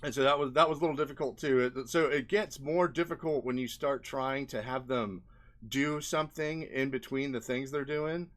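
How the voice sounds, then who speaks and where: Soft background music plays as an indie game developer walks through his experiments on a screen-share. He talks at a normal pace in a medium-pitched voice, rambling casually and thinking aloud.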